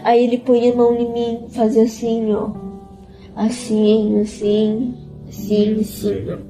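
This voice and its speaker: High-pitched woman, halting and tearful. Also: completely flat delivery, music in the background. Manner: halting and repetitive, often tearful. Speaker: interviewee giving a religious testimony. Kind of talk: emotional spoken testimony.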